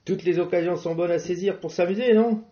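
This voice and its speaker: A man's voice: high-pitched, brisk, warm tone, lo-fi sound, lightly acted. A man playing a cheerful young male salesman at a party, upbeat and teasing.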